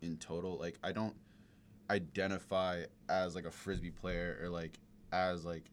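Young man, American accent, deep register, casual slangy chat, slight noise behind. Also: level tone, unhurried. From southern United States. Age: young adult. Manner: slangy, anecdotal. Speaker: podcast co-host.

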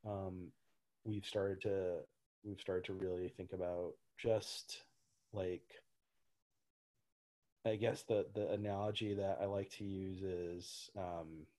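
A man with a fairly low voice talks casually as a guest, explaining his ideas in a roundabout, halting way. He keeps circling back with fillers and restarts as he works out what he means. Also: steady tone, warm tone. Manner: rambling, many fillers and restarts. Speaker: gym owner, guest. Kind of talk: casual interview talk.

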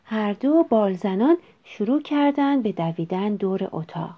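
A woman reading a children's story aloud in an expressive, measured way. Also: mid-range voice. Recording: dull lo-fi recording.

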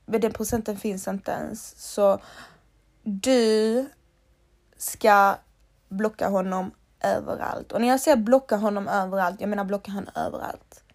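Young woman, fry-heavy voice, talks straight at the listener, blunt, repeats her points, curses for emphasis. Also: medium pitch, steady tone, a little mellow. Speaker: advice-giver. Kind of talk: heartfelt direct-to-camera advice.

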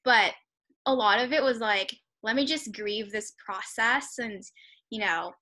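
A woman's voice: medium pitch, a little slow, sharp tone. A young woman at home chatting casually, using many "like" and "you know" fillers as she opens an interview for her project. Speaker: interviewer starting a personal project. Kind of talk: casual conversational interview over a call.

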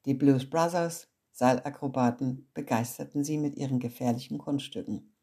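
A woman calmly reading a children's story aloud as the storyteller, in a measured storybook manner. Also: rumbling low, slightly rough.

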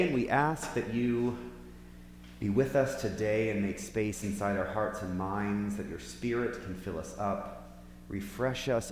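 A man pastor leading a casual Bible study, chatty and joking, his voice echoing through a large church hall. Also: fairly low pitch. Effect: big hall echo. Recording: echoey hall with faint hum.

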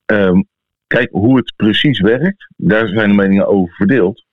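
A man's voice: fairly low pitch, a little slow. A man with a Dutch accent from the Netherlands chatting casually and informally as a podcast host. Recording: thin phone-like sound, echoey room.

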